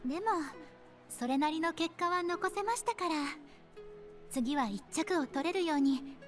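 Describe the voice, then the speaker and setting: A gentle young racing girl in a game, soft-spoken and very polite. Her voice sits very high and moves a lot, with a quick pace. Faint game music plays behind her. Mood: calm. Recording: game audio with background music.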